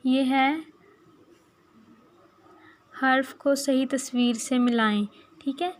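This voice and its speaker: A woman, teaching a playgroup class in a recorded lesson, speaking slowly and coaxingly, repeating words and asking little questions. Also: sits high, fairly even intonation. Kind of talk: recorded online class for small children.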